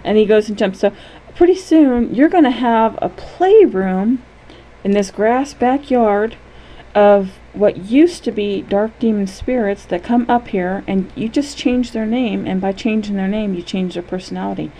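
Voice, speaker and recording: A woman with a mellow, warm tone leads a guided imagery lesson. Her voice sits at a middling pitch, and she speaks gently and unhurriedly, often pausing to ask "okay?". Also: rough recording.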